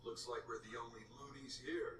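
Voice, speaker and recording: A man's voice: mid-range voice, steady tone, brisk, fairly bright tone, echoey room, natural voice. A man voicing a sarcastic demon hunter. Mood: weary. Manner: dry, mocking drawl. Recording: distant game audio with music.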